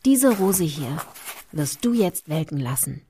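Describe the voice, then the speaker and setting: Calm young witch guide. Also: deep voice, unhurried, slight background noise. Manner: calm, instructive, ominous. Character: secretive young woman teaching witchcraft, calm. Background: film score.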